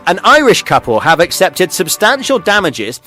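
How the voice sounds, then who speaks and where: A man's voice: high voice, big pitch swings, normal speed, pushed and bright, soft background music. Chuckling man reading quirky news. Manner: chuckles often, lots of ums and uhs. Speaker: radio show host reading a news feature. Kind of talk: casual news reading with banter. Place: radio studio.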